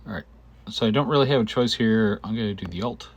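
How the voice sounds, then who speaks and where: A man giving casual gameplay commentary, halting and thinking aloud, with a cough and frequent throat clearing. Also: fairly low pitch. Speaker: gamer narrating own gameplay video.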